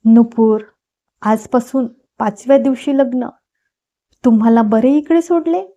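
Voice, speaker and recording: A woman voicing a dignified older matriarch, speaking gently and motherly. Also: a little high, unhurried. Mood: kindly. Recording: dull lo-fi recording.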